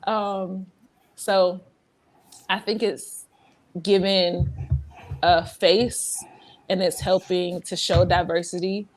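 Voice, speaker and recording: Recorded in low quality, a young South Carolina woman with a slight Southern lilt chats on a podcast about her life as a teacher abroad. Her lowish voice stays level, and she takes her time, leaving long pauses. She comes across as sincere and reflective, often starting her thoughts over.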